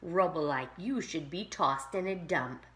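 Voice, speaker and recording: A woman's voice: on the low side, animated, unhurried. A woman voicing a grumpy, greedy old male hermit crab in a storybook read-aloud, snapping and crying out in a raised voice. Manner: snappish, shouting when scared.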